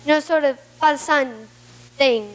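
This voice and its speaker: A woman's voice: high voice, a little slow, a little hiss or hum. A woman playing a scheming lion uncle in a school stage show, speaking with manipulative, falsely sweet charm. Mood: coaxing, falsely sweet. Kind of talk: amateur school stage musical acting. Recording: stage play recorded from the audience.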